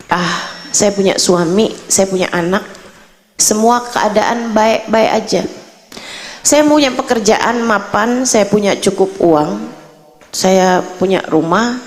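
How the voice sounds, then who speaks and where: A middle-aged woman preacher telling a story in a religious lecture, slow and earnest, rising high and emotional as she retells a woman's distress. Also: a little mellow, in a large hall.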